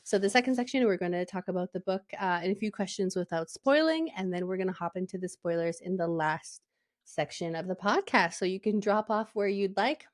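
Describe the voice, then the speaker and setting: A woman's voice: medium pitch, expressive, a little fast, no room sound, clean studio sound. A young woman from Alberta hosting a casual book podcast, bubbly and chatty, laughing often and leaning on filler words. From Canada, Alberta. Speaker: podcast host.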